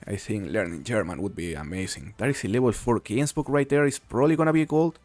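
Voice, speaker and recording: This man from Mexico speaks at a quick pace with a fairly low pitch, faint music behind him, as he hosts a casual game live stream. Relaxed and chatty, he gives commentary and answers viewers from chat as he plays.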